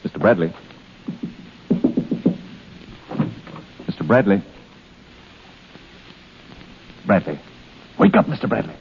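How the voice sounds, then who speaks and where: An actor playing a brisk, urgent, smooth-scheming male swindler in a 1930s radio drama. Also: low voice, sing-song, exaggerated voice. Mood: insistent, coaxing. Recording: tinny, noisy 1930s radio recording.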